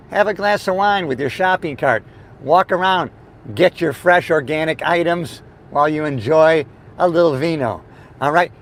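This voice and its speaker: A man giving an upbeat, emphatic motivational chat to his audience while driving. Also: on the high side. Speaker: motivational vlogger. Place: inside a moving car. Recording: steady car and road noise. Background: car and road noise.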